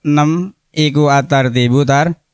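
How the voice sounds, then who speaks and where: A middle-aged man teaches a religious text to a class, working through it word by word and wandering into playful asides about word meanings. His voice is smooth and clear, and he speaks at an unhurried pace. The recording is dry, with no room echo. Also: on the high side. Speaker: religious teacher at an Islamic boarding school.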